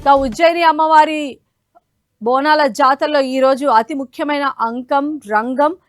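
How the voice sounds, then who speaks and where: Woman, TV news anchor, high-pitched, presenting delivery, dry close recording. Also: fairly even intonation, unhurried, no room sound, faint music behind.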